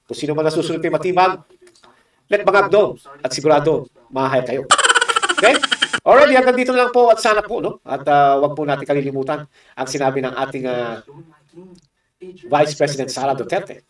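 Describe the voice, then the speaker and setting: A man from the Philippines rattles off heated political commentary at a rapid clip, his voice pitched a little high. He is mocking and combative, throwing in rhetorical asides. He sits well back from the mic in an echoey room. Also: recorded from a distance, slight background noise.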